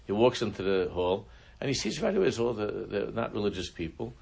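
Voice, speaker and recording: Man, Torah teacher, low voice, halting storytelling. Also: big pitch swings, vocal fry, darkish tone, husky. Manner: halting, restarting narration. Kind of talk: religious class with storytelling.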